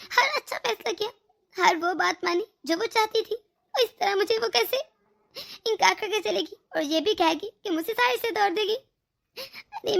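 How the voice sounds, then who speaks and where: Woman voicing a stern worried mother, very high voice. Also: vocal fry, fairly bright tone, exaggerated voice. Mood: hurt. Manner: scolding, lecturing. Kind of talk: cartoon voice acting.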